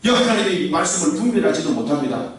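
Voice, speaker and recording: High-voiced male pastor in an echoing hall. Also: sing-song, quick pace, a little hiss or hum. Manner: emphatic preaching, calls the congregation to say amen. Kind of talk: sermon. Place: large echoey church sanctuary. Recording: very echoey hall, voice from far off the mic.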